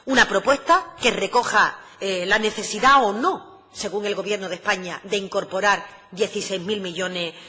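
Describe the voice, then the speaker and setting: A middle-aged woman, a regional finance minister, giving a formal parliamentary address in a measured, emphatic way, with frequent "eh" hesitations. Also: mid-range voice, sharp tone, long reverb tail.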